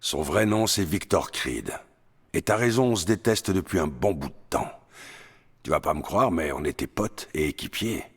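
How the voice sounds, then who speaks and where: An actor playing a gruff, grizzled male mutant brawler from Canada in a French video game dub, blunt and sardonic. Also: low-pitched, lively intonation, moderate pace. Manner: blunt, sardonic, laid-back.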